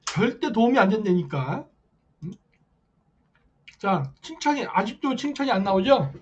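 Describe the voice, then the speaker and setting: A man's voice: high voice, big pitch swings, moderate pace, darkish tone, dull audio, a little hiss or hum. A man hosting a late-night political stream, reading viewer comments and firing off rhetorical questions with a repeated "eh?" tag. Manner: reads viewer comments aloud. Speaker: live-stream host.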